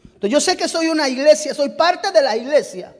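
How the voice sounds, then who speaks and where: High-voiced preacher in a reverberant church. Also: male voice, lively intonation. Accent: Guatemalan Spanish. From Guatemala. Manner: halting, searches aloud for words and restarts phrases; addresses listeners directly as beloved brother. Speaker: pastor. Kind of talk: sermon. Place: church sanctuary. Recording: long reverb of a church hall.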